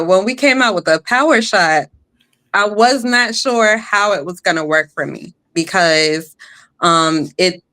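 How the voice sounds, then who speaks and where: A woman guest sharing a personal testimony, hesitant with many pauses and light laughs. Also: low voice, a bit bright.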